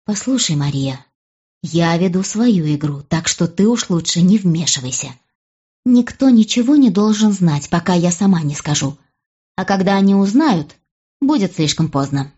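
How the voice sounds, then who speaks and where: A woman's voice: on the low side, lively intonation, normal speed, mellow, husky, highs cut off. A woman voicing a proud, scheming young noblewoman who scolds and threatens her sister in an audiobook. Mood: hissing menace. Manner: bitter, cutting, hisses threats.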